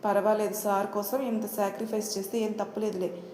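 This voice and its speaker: A woman's voice: mid-range voice, level tone, brisk, dark tone, echoey room, a little hiss or hum, close to an everyday voice. A woman voicing a young male boss who talks in a commanding, teasing way. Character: young male boss, bossy yet playful.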